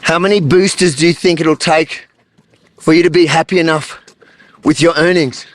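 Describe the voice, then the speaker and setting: A man's voice: a little high, steady tone, moderate pace. A man from Australia with an Australian accent, working as a reporter outdoors on a street, confrontational and blunt. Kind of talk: street ambush questioning and wrap-up commentary.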